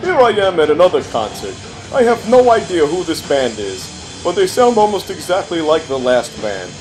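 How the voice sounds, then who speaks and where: Grumpy older man, high-pitched and animated. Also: moderate pace, low-quality recording. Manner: grumpy old-man complaining, folksy, dry exaggeration. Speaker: comic commentator. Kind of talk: comic narration over festival videos. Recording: music behind the voice.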